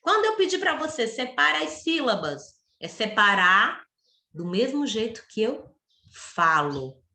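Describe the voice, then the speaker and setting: A woman teaches young children online, breaking words into syllables slowly and patiently. Her voice is bright and rises and falls a lot as she guides them. The room around her is echoey. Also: fairly high pitch, very animated. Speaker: primary school teacher. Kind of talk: online class lesson.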